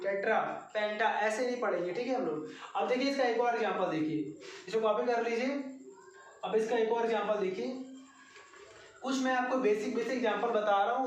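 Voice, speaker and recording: A man teaching a physics lesson, explaining step by step and talking straight to his students. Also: high voice. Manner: repetitive, step-by-step explaining, addresses students directly. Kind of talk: classroom lecture at a board. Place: classroom at a coaching centre. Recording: very echoey room, mic far off.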